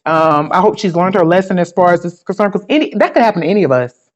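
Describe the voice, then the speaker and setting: A woman's voice: lowish voice, fast talker. A woman with a New York accent hosting a casual talk show, blunt, gossipy and profane. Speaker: host. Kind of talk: casual opinion chat. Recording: dull lo-fi sound.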